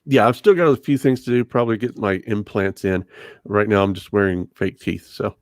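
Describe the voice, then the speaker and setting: A man's voice: lowish voice, brisk, no echo. A middle-aged man answering casually as a podcast guest, close on a desktop condenser mic. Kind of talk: casual interview storytelling. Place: home room with bookshelf, indoors. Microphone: desktop condenser mic with pop filter, close up.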